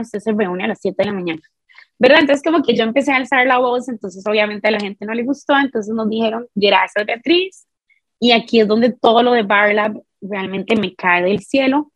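A woman in her thirties with a Costa Rican accent, telling her own story as an interview guest in an emphatic, lively way and acting out what people said to her. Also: fairly high pitch, no room sound. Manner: emphatic, animated, acts out quoted dialogue. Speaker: guest, barre studio owner. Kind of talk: candid personal storytelling.

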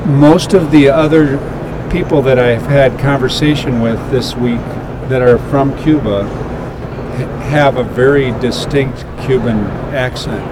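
Man, mid-pitched, halting and reflective interviewer over clear background noise. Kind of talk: casual interview.

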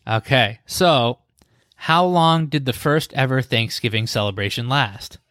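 A man's voice: medium pitch, measured pace, a bit bright, no room sound, clean studio sound. A man hosting a podcast, reading food quiz questions in a game-show manner and often laughing. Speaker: podcast host, quizmaster.

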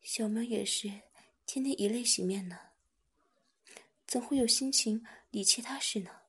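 A woman voicing a gentle, caring young wife in a whispered role-play, soft and soothing. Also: fairly high pitch, unhurried, slightly rough, full character voice. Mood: gentle concern.

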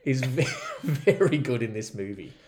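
A man's voice: mid-range voice, expressive, normal speed, darkish tone, slight background noise. A man hosting a movie review podcast in casual chat, playful and laughing often as he tries out accents. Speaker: podcast host.

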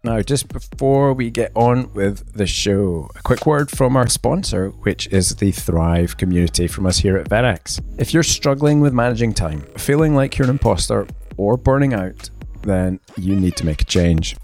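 A man hosting a podcast, reading a sponsor message in a steady, measured way. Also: fairly low pitch. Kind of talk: scripted ad read. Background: faint music.

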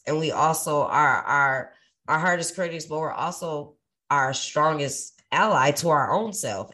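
A woman's voice: low-pitched, fairly bright tone. A woman hosting a podcast, speaking to her guest in an affirming, encouraging manner. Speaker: podcast host. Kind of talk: casual conversational interview.

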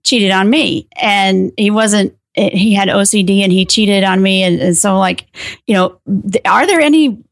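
A middle-aged woman, a guest telling her story in an interview, talking animatedly with sharp emphatic pitch rises. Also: a little slow, creaky, dry recording, clean studio sound. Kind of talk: personal interview.

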